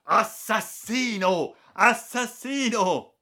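A man doing a shrill, outraged hat owner. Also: animated, drawn-out words, sharp tone, exaggerated voice. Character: indignant man shrieking about his ruined hat.

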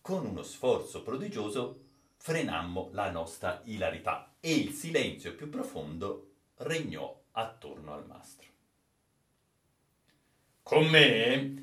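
A man reading a classic adventure story aloud as narrator, with measured storytelling delivery, in a roomy, echoey space. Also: on the low side, fairly bright tone. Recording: roomy echo.

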